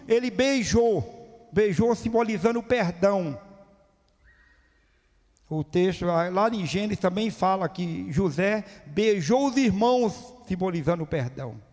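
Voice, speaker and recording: High-voiced preacher in a reverberant hall. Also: male voice. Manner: emphatic, rising to near-shouting at climaxes, rhetorical questions. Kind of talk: sermon. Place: church hall. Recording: long reverb of a church hall.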